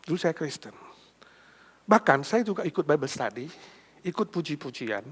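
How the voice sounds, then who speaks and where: Man voicing a car dealership manager, confiding, subdued, quiet. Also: on the high side, big pitch swings, normal speed, breathy edge.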